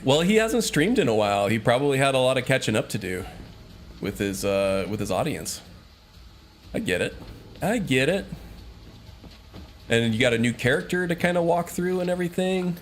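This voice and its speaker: A man's voice: mid-range voice, very animated, moderate pace, pauses often, a little hiss or hum. A man streaming a video game, chatting casually with his viewers and laughing as he plays. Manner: chatty, laughing, talking to chat. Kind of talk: casual gameplay commentary.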